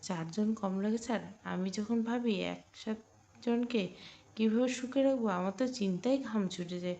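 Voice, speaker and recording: A woman's voice: mid-range voice, moderate pace, dark tone, natural voice. A woman voicing a loyal, slightly cheeky young male assistant who speaks deferentially, in a dull lo-fi audio story recording. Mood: bewildered. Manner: deferential, calls his boss sir.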